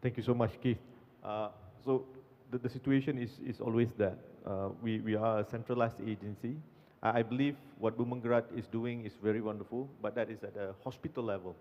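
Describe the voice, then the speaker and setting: A man on a conference panel explaining his agency's work in a measured way. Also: mid-range voice, fairly even intonation. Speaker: panelist for a national health tourism agency. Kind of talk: panel discussion. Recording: muffled hall reverb.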